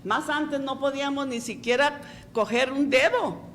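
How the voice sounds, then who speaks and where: A woman's voice: sits high, unhurried, a bit bright, a little hiss or hum. A middle-aged woman pastor, preaching a folksy, chatty sermon and often asking "¿verdad?".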